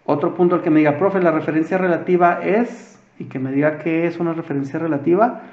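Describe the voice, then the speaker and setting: A male teacher with a Mexican Spanish accent walks through the steps patiently, asking the class questions as he goes. His voice sits high for a man. The recording sounds roomy and a little dull. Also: fairly quick. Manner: patient, explanatory, asks rhetorical questions. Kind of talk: screen-recorded spreadsheet tutorial.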